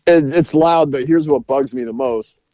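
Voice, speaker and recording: Guy on a podcast rambling about a movie, warm low-key voice, laughs a lot, dry close sound. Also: moderate pace, dry recording, soft background music. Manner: animated retelling with frequent laughs and restarts. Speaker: podcast co-host. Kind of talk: casual film review chat.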